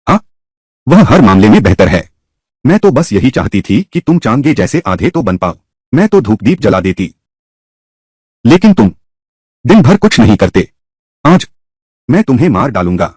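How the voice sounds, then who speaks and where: A harsh, scolding father who heads the household, played by a man. His pitch rises and falls a lot, and his voice is slightly husky. The audio is dry and close in this dubbed drama. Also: big pitch swings, moderate pace, pauses often, a little mellow, no echo. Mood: furious. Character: stern angry middle-aged father, head of house.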